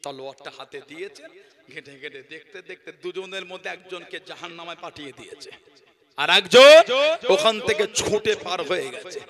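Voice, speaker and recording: A man's voice: on the high side, fairly quick, fairly bright tone, long reverb tail. A man with a West Bengal Bengali accent preaching a waz sermon, telling the story in an impassioned chanting way and urging the crowd to respond.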